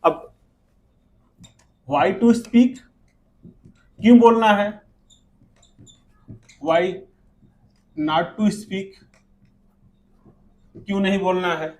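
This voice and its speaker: A man with an Indian English accent teaching an English lesson, saying each example slowly and glossing it in Hindi. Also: high-pitched, a little mellow. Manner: slow, repeating words with Hindi glosses. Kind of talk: classroom lesson.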